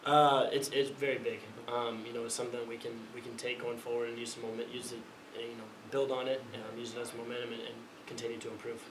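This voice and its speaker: Young man, flat fast halting answers, echoey room. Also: medium pitch. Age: young adult. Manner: halting, repeats words as he restarts phrases. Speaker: college quarterback. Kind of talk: postgame press conference answers. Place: press conference room, indoors. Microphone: table mic in front of him. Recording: echoey room, distant mic, background noise.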